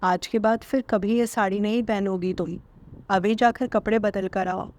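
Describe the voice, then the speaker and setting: A woman's voice: medium pitch, steady tone, moderate pace, a little mellow, lightly acted. A woman voicing a possessive, short-tempered young husband in a storybook narration, in her own everyday voice. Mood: stern.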